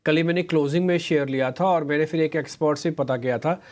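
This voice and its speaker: A man's voice: a little high, fast, a little mellow. A man anchoring a live stock market show, chatting and coaching viewers directly while giving market commentary.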